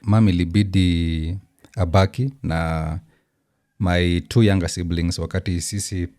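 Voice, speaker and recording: Reacting to a clip as a show host, a Kenyan man talks at a measured pace in a low, steady, dark voice. He moves casually between English and Swahili slang with plenty of ums, and the studio recording has no room sound.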